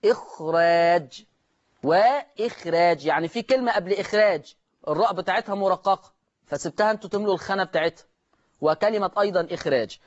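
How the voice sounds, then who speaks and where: In a televised tajweed lesson, a man with an Egyptian Arabic accent teaches Quran recitation rules, repeating key words and quizzing his students. His high-pitched voice races along, and the sound is lo-fi.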